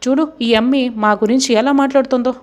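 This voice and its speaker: A woman's voice: high-pitched, steady tone, fast, pitched above the performer's own voice, lightly acted. A woman voicing a mocking, rustic middle-aged woman with colloquial village speech, as dialogue in a serial recap.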